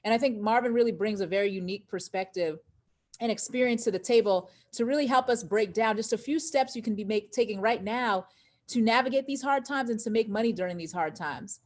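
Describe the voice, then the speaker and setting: Woman, live-stream host, upbeat, slightly high voice, talks straight to viewers, video call. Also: fairly quick, darkish tone. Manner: upbeat, addresses viewers directly. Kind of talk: live-stream interview hosting.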